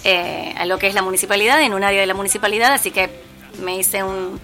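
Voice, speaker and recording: A woman's voice: medium pitch, fairly even intonation, fast talker, pushed and bright, faint music behind. A woman in her thirties with a Rioplatense Argentine accent, a physical education teacher talking in a casual chat, chatty with frequent fillers. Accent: Rioplatense Spanish. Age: 30s. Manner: chatty, restarts and fillers often.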